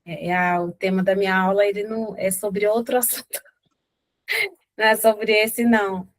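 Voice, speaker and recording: A woman's voice: medium pitch, fairly even intonation, normal speed. A woman who teaches in a children's ministry, speaking hesitantly with many fillers over a video call. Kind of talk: casual talk on a video call.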